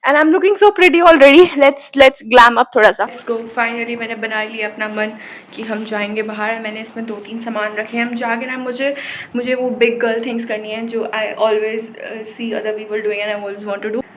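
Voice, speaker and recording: A woman's voice: fairly high pitch, level tone, moderate pace, a little hiss or hum, low-quality recording. A young woman in her twenties with an Indian accent, chatting casually to her phone camera in a vlog, mixing Hindi and English. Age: 20s. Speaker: vlogger. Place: cafe, indoors.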